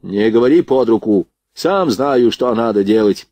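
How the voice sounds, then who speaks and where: A man voicing a gruff male artillery sergeant who shouts orders in an audiobook. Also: on the low side, moderate pace, dry recording. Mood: commanding. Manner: shouted commands. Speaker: artillery gun commander.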